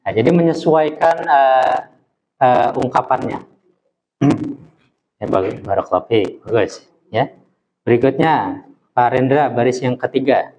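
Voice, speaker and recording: Slow, patient male Arabic teacher. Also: mid-range voice, expressive, a little mellow, slight background noise, poor audio. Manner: patient, models pronunciation slowly. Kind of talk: classroom lesson.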